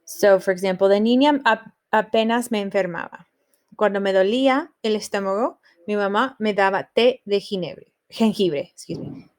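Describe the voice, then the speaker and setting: Woman, teacher, recorded lesson, steady explanations, reads examples aloud. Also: medium pitch, fairly quick. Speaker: Spanish teacher.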